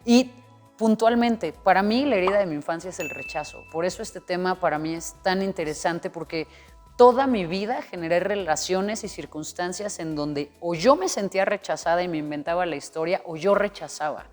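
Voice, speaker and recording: A woman's voice: on the low side, moderate pace. A woman speaks as an interview guest, earnest and explanatory, now and then voicing an imagined inner dialogue. Her voice carries a long reverb tail, and faint music plays underneath. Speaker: guest coach. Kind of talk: interview conversation.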